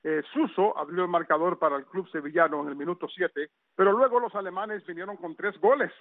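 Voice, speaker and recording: A man's voice: sits high, a little fast, no room sound. A man reading a radio sports news roundup in a conversational way, with chatty asides. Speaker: sports reporter. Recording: tinny phone-line sound.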